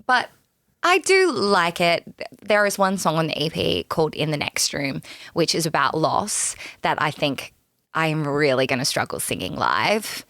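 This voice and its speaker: A woman's voice: lowish voice, fairly bright tone, no room sound. A young woman, a musician guest on a podcast, chatting casually and bubbly, laughing often. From Australia.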